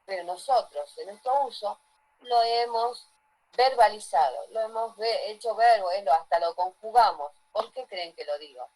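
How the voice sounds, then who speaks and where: A woman's voice: mid-range voice, moderate pace, a little mellow, low-quality recording. A woman teaching a class, lecturing and often asking the students if they follow. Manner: asks the class frequent check-in questions.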